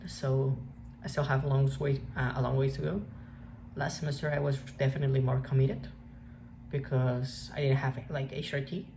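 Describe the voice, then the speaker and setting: A young woman with a Mexican accent, native Spanish speaker, talking through a reflective personal vlog in a halting way with many restarts. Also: rumbling low, gravelly. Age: young adult. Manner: hesitant, halting, frequent restarts and fillers. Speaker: vlogger. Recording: steady background noise.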